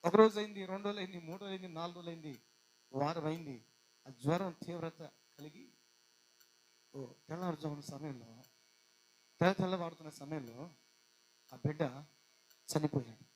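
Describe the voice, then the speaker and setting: A man preaching a sermon, telling a story dramatically, dropping to hushed lines and rising to loud cries. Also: a little high, a little fast, long pauses, low-quality recording.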